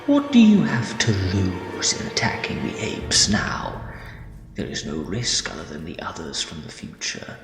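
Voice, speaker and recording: A man's voice: deep voice, wildly swooping pitch, a little slow, full character voice. Man as the Master, echoing menacing villain. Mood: urgent, menacing. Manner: grandiose, menacing, persuasive. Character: bitter, decayed villainous time-travelling mastermind. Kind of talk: fan audio drama acting. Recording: echoey hall, clear music behind.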